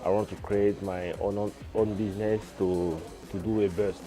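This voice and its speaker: A man from Maryland giving a halting testimonial as a seminar student, often repeating words as he goes. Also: fairly low pitch, flat delivery, dark tone, soft background music. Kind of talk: testimonial interview.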